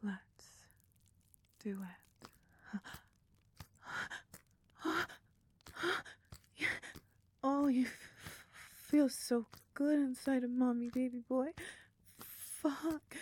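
A woman voicing a doting, possessive young goth woman lover in an intimate audio roleplay, talking in a soft coaxing whisper. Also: fairly high pitch, slow pace, gravelly, pauses often, husky, exaggerated voice. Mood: breathless.

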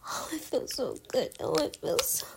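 A woman speaking in a soft, breathy, intimate whisper close to the mic for an ASMR roleplay. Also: moderate pace. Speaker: ASMR performer.

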